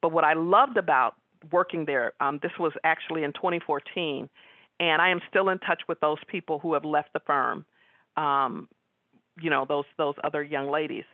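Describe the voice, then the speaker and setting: A woman giving a webinar talk as guest speaker, chatting with the audience and pausing on fillers. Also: sits low, dry recording. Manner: conversational, frequent fillers. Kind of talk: webinar presentation with audience questions. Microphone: video call. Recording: tinny phone-like line.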